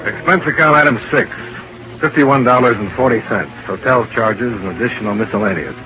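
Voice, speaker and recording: A man's voice: mid-range voice, fairly quick, bright, forceful tone. An actor playing a hard-boiled male investigator in an old-time radio drama, narrating in terse, clipped first person. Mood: dry. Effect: old-time radio broadcast. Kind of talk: 1950s radio drama acting. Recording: muffled vintage radio broadcast with hiss.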